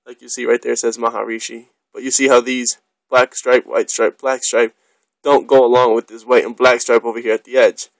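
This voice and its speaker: A man's voice: mid-range voice, flat delivery, a little fast, gravelly, no room sound, low-quality recording. A young man casually reviewing a watch on camera, rambling and enthusiastic, with lots of ums and the odd swear word.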